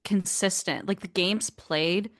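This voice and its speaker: Woman, co-host, casual chat, slow pace, thoughtful, filler "like". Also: mid-range voice, a bit bright. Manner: thoughtful, lists numbers with filler "like". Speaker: podcast co-host.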